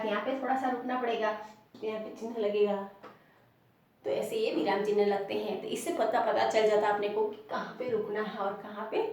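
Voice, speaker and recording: A woman teacher with a Rajasthani Hindi accent, giving a classroom lesson, explaining slowly and repeating example sentences with stress. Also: a little high, recorded from a distance. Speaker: primary school teacher. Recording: very echoey room, voice off-mic.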